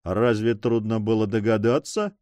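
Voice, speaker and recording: A man voicing a cold, ruthless pirate leader who speaks in an icy, mocking, unhurried way. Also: on the low side, darkish tone, voice pushed down, natural voice.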